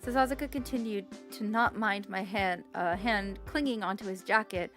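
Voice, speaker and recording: A woman's voice: mid-range voice, moderate pace, a bit bright, faint music behind. A woman streamer reading the text of a story game aloud, stumbling over unfamiliar words with light asides.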